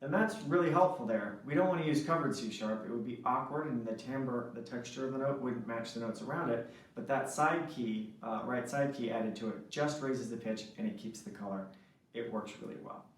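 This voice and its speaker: A man teaches saxophone fingerings in an instructional lesson, often pausing to ask "right?". His voice sits at an ordinary middle pitch. The recording is heavily echoey, with the mic set back from him. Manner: explanatory, frequent "right?" checks. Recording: echoey room, mic at a distance.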